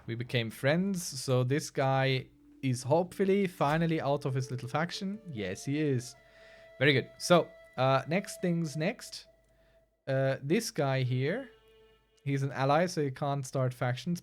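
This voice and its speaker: Guy streaming a strategy game, chatty and dry, some low music in the back. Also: measured pace. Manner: chatty, wry, answers chat as he plays. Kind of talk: casual gameplay commentary.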